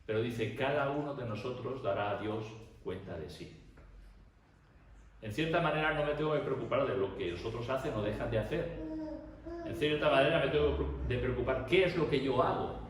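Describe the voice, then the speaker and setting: A man's voice: mid-range voice, moderate pace, noisy background. A man preaching a sermon in a conversational way, asking rhetorical questions and adding tag questions. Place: church hall. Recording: echoey hall, mic far off.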